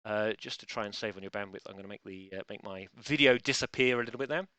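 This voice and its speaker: A man's voice: fairly low pitch, fast, bright, forceful tone, no room sound. A man hosting a live-streamed online quiz in a chatty, playful way, often restarting his sentences as he fumbles with the setup. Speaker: quiz host.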